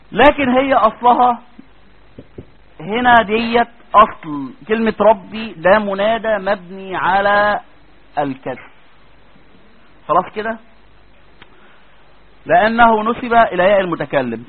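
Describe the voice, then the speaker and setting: Egyptian male teacher, high-pitched and husky, chatty lecturing style, keeps asking the class if they follow, tinny lo-fi recording. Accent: Egyptian Arabic. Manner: colloquial, keeps asking students check questions. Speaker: tajweed teacher. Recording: tinny phone-like lo-fi audio.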